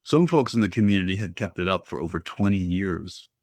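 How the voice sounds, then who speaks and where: A man reading a first-person story aloud in a steady, even manner. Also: sits low, fairly quick, no echo. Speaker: audiobook reader. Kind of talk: scripted first-person narration.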